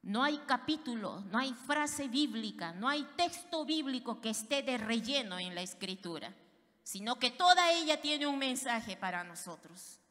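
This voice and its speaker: High, bright-voiced woman pastor preaching. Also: animated, moderate pace. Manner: fervent, addressing the congregation directly. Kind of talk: sermon. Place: church. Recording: reverberant church hall.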